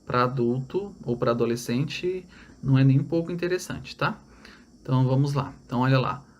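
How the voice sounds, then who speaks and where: A man's voice: medium pitch, lively intonation, a little hiss or hum. A man from Brazil giving an online English lesson, explaining step by step and checking in with his students. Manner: explains step by step, repeats numbers slowly in English; checks in with "tá?" and "olha lá". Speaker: English teacher.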